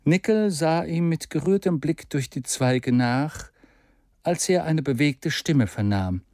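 A man narrating a classic adventure novel aloud in an expressive, measured reading. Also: a little high, dry recording, clean studio sound. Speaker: audiobook narrator. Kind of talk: scripted narration.

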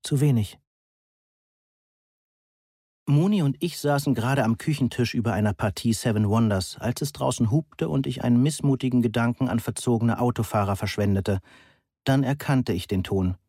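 A man reading a first-person story aloud in a measured, deadpan manner, close to the mic. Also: mid-range voice, slightly rough, no echo. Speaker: audiobook narrator. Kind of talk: first-person scripted narration.

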